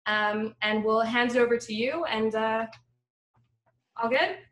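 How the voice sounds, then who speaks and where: A woman's voice: fairly high pitch, measured pace, a bit bright, distant mic. Woman host, reads a bio, trips on words, roomy echo. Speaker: conference host. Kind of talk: reading a speaker introduction. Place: lounge full of seated students. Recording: roomy sound.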